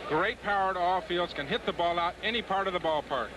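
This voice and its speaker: A man's voice: sits high, fairly quick. A man giving sports commentary as a baseball broadcast analyst. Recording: broadcast with clear outdoor stadium noise. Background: outdoor stadium noise.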